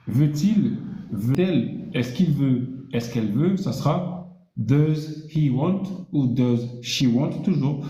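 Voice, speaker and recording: A man teaching English in a live-streamed lesson, patiently explaining and slowly repeating each word. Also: mid-range voice, dark tone. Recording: roomy, dull lo-fi sound.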